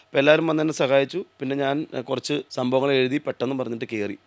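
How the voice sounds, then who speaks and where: A man's voice: mid-range voice, fast talker, no echo. A man from Kerala, an actor, telling stories of his stage days in a casual interview, now and then singing a line. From Kerala, India. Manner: animated storytelling, breaks into song snippets.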